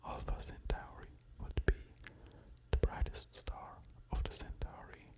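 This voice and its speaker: Slow, close-up whispering man. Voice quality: soft unvoiced whisper. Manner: slow, hesitant delivery with musing asides. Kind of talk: whispered ASMR. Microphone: close-up stereo ear-to-ear microphone.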